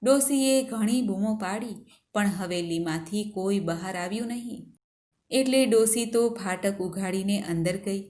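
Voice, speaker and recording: A woman narrating a devotional fasting tale in a steady, storytelling reading. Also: medium pitch.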